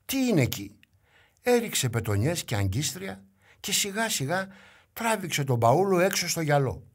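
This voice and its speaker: Lively husky male storyteller. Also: a little high. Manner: lively, dramatic, shifts between whisper and raised voice. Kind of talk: storytelling narration for children.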